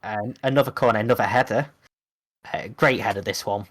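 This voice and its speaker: A man's voice: lowish voice, brisk, a bit bright. A man co-hosting a football podcast in casual chat, his online call audio breaking up as the stream quality drops. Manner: conversational, rambling with fillers. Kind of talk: casual match review chat.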